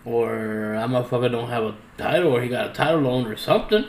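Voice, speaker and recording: A man in relaxed conversation with friends, using loose street slang. His voice sits at an ordinary pitch. The room echoes around him and a faint noise runs behind. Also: fast. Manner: loose, streetwise talk, frequent "man" and "you know". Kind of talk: casual chat with friends, heavy slang and swearing. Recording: roomy echo, faint background noise.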